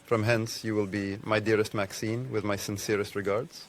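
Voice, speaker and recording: A man voicing an obsessive male stalker who writes formal, old-fashioned letters, read gravely over music. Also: lowish voice, little pitch movement, moderate pace, a little hiss or hum, natural voice. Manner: formal, archaic, grave reading.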